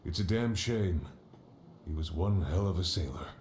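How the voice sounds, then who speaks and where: An actor playing a gruff, weary old hard-drinking sailor in a video game. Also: male voice, deep voice, lively intonation, moderate pace, a little mellow, roomy sound, slight background noise. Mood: reflective. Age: older. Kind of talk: video game dialogue acting.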